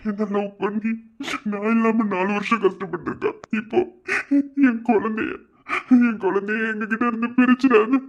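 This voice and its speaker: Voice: medium pitch, steady tone, moderate pace, lightly acted. Earnest guilty young dad in a cartoon, praying hard, dull muffled audio, someone voicing him. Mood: grieving. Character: young husband and father, grieving and guilty.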